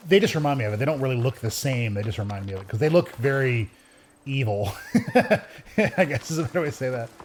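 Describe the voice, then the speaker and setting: A man's voice: mid-range voice, expressive, fast talker, darkish tone, a little hiss or hum. A man co-hosting a casual video game let's-play, rambling through stories and laughing often. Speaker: gaming channel co-host.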